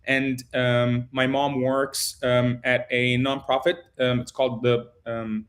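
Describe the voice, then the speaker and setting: A man in his thirties who grew up in Egypt, a guest on an online interview, talking in a halting way with many ums and restarts. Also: mid-range voice, little pitch movement. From born in Jordan, grew up in Egypt. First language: Arabic. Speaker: guest, photojournalist. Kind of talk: casual interview over video call.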